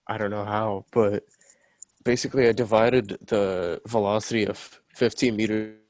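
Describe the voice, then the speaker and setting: A man's voice: on the low side, steady tone, moderate pace, darkish tone, no room sound. A male student explaining his answer on a laggy video call, his audio glitching and cutting out. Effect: choppy glitchy audio that keeps cutting out. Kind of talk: casual explanation in an online class. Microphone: phone on a laggy video call.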